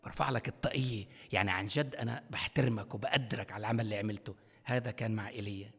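A man preaching a sermon as pastor, animated, acting out voices, scolding and pleading. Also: on the low side, racing, slightly rough. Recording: long hall reverb.

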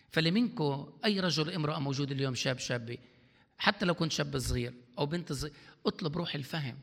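Fast-talking male preacher, bright gravelly voice, long hall reverb. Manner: fervent, swings between loud exhortation and low asides. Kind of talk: sermon.

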